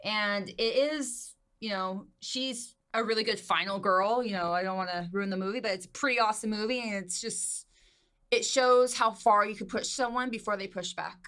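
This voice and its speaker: Bright-toned woman chatting easily. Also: mid-range voice, moderate pace. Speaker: podcast co-host. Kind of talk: casual chat.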